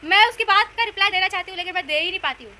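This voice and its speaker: A young woman with a high, very bright voice talks fast and animatedly in a casual family vlog chat. Faint household noise sits behind her. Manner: animated, laughs while telling stories. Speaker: vlogger, eldest sister.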